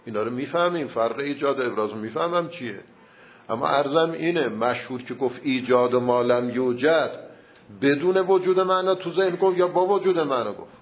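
A man's voice: medium pitch, lo-fi sound. Man arguing a point in class. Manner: argumentative, patient explaining with rhetorical questions. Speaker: seminary teacher. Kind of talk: classroom debate on grammar and logic.

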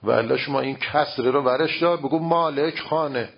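Guy lecturing on philosophy, gravelly and husky, lots of rhetorical questions, dull lo-fi recording. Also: mid-range voice. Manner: explains with everyday examples and rhetorical questions. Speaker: religious philosophy teacher. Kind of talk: informal lecture.

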